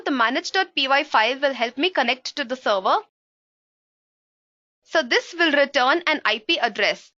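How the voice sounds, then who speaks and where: A woman's voice: high voice, bright, forceful tone, no room sound, highs cut off. A woman instructor giving a live coding tutorial, explaining each step and often calling her listeners guys, heard through livestream headset audio. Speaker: programming instructor.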